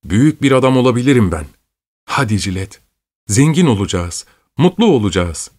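A man voicing an excitable young painter, passionate and breathless with joy, in a storybook reading. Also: mid-range voice, fairly quick, dry recording, studio quality. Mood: impassioned.

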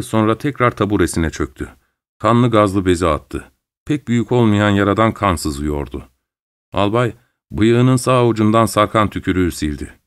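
Guy reading a story aloud, lowish voice, dry close sound. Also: no echo. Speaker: narrator. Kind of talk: first-person story reading.

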